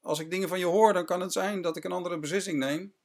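A man's voice: high voice, fairly even intonation, quick pace, voice pushed up. A man voicing a stern, commanding Roman governor who presses with insistent questions. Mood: demanding.

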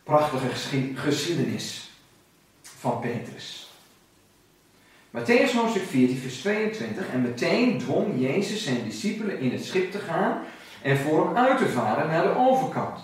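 A preacher man with a fairly high voice gives a sermon in a strongly echoing hall. He surges up into high, loud cries, then drops low and quiet. He stands some way off the microphone. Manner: dramatic rises and drops in pitch and volume. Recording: very echoey, from far off the mic.

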